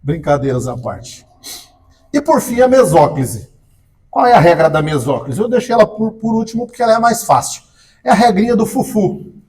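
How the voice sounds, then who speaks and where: A Brazilian man teaching an exam-prep grammar lesson, jokey, asking the class questions and answering them himself, spelling out example words slowly and loudly. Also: sits high, sing-song.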